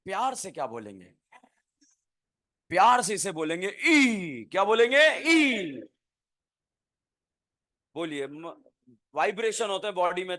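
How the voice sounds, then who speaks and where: A man teaching a chemistry class, his voice pitched high for a man. He speaks slowly and drags out each phrase. He keeps asking the class questions and answers them himself. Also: sharp tone. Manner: dictates notes very slowly, word by word. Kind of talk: classroom lecture.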